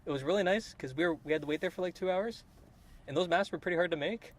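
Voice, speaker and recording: Fast-talking hesitant young man. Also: high voice. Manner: hesitant, filler-heavy, laid-back. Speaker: podcast guest. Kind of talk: casual chat.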